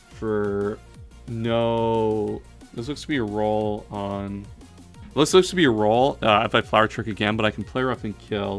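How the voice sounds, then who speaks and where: A man giving thinking-aloud commentary on a competitive battle, analytical and often correcting himself mid-sentence. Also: on the low side. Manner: analytical, self-correcting, frequent "um" and "uh".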